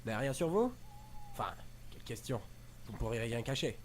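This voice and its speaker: A man's voice: medium pitch, big pitch swings, brisk, slight background noise, natural voice. A man voicing a brusque, wary village guard.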